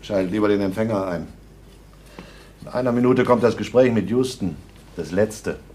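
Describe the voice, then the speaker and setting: A man's voice: on the low side, normal speed, a little mellow, a little hiss or hum, close to an everyday voice. A male actor playing a sardonic, grumbling astronaut in a German radio play with astronaut radio exchanges. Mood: dry, grumbling. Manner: dry, grumbling, curt. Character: gruff, sardonic male astronaut on a moon mission.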